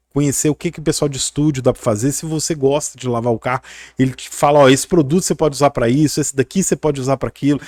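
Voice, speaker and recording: A man's voice: mid-range voice, a little mellow, no echo, studio quality. A middle-aged man, talking casually and rambling to camera, full of fillers and tag questions. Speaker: physiotherapist YouTuber.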